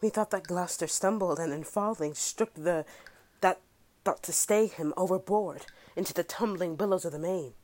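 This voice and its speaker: A woman's voice: on the low side, moderate pace, darkish tone, natural voice, rough recording. A woman playing a frightened, guilt-ridden male duke in prison, speaking in classical stage verse. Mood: haunted. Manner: fearful, pleading classical verse.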